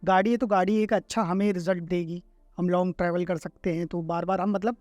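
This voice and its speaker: A man's voice: sits high, steady tone, brisk, darkish tone, no room sound. A man hosting a podcast interview, asking reflective questions and thinking aloud as he forms them. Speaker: podcast host.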